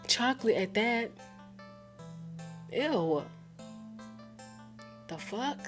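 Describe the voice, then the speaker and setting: A woman's voice: a little high, animated, very slow, faint music behind. A woman streamer playing a game, reading its text aloud and reacting in a casual, slangy, incredulous way. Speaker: gaming streamer.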